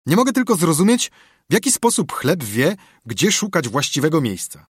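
A man's voice: on the high side, very animated, normal speed, breathy edge, no room sound, studio quality, voice pushed up. A man voicing a timid, curious boy who sounds puzzled, in a storybook reading.

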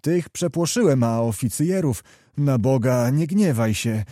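A man's voice: mid-range voice, animated, unhurried, warm tone, no room sound, clean studio sound, lightly acted. A man voicing a brash young nobleman. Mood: pleading. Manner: swaggering, defiant. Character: brash young nobleman soldier, hot-tempered and boastful. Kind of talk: audiobook character reading.

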